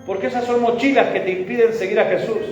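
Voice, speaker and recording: A man's voice: high voice, steady tone, quick pace, a little mellow, soft background music. A man with a Rioplatense Spanish accent, a pastor preaching a sermon and leading his congregation in call-and-response. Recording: echoey hall, dull sound.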